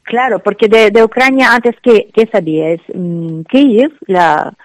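A woman's voice: medium pitch, unhurried, no room sound, low-quality recording. A woman from Ukraine, a native Ukrainian speaker with a Ukrainian accent, answering as a radio interview guest, hesitant with many fillers and restarts.

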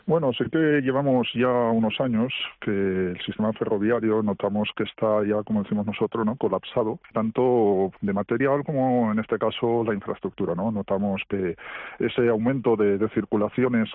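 Anonymous male train driver, voice disguised by deep pitch shifting, heard over a dry, phone-like line, halting and careful. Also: no echo. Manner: halting, careful, often tags questions onto his points. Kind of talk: remote radio interview.

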